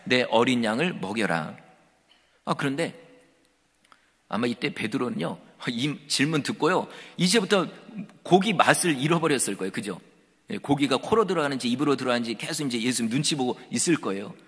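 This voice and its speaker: A man preaching a sermon as pastor, animated and conversational. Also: medium pitch, brisk, slightly rough. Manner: animated, conversational preaching that acts out quoted speech. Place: church sanctuary. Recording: reverberant church hall.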